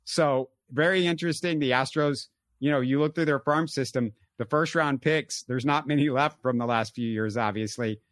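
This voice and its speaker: A man hosting a casual sports talk show, animated and full of fillers. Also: mid-range voice, moderate pace, no room sound. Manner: animated, talks in bursts with fillers. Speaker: podcast host.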